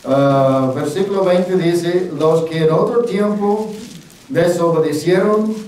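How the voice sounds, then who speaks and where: A male pastor preaching a sermon in an unhurried, folksy, self-deprecating way, with many fillers. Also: high voice, darkish tone. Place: church sanctuary. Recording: very echoey church, mic at a distance.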